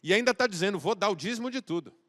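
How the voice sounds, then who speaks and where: A male pastor from Brazil preaching a sermon, swinging between loud exhortation and quiet, intimate address, acting out dialogue as he tells a story. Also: high-pitched, lively intonation, rapid-fire.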